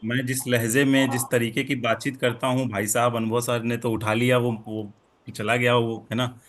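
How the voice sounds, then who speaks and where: A man's voice: mid-range voice, level tone, crowd noise. A young man co-hosting a podcast, chatting casually, laughing often and wrapping things up at length. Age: young adult. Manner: laughs often, drawn-out conversational wrap-up. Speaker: podcast co-host.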